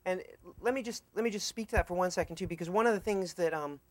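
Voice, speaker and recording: A man moderates a panel discussion in a measured way as he frames the topic. His voice is a little higher than most men's. The recording is dry. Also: no room sound.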